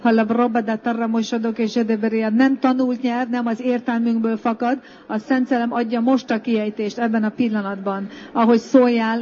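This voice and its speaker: A woman's voice: on the high side, mellow. A woman pastor leading a congregation in prayer, coaxing listeners and chanting long strings of flowing syllables between her instructions. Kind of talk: sermon with guided prayer in tongues. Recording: dull lo-fi recording.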